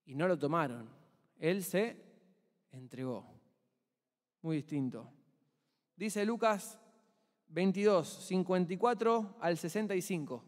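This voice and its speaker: A man's voice: high-pitched, animated, slow pace, pauses often. A man with an Argentine accent preaching a sermon and dramatizing the scene he describes in a church hall. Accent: Argentine Spanish.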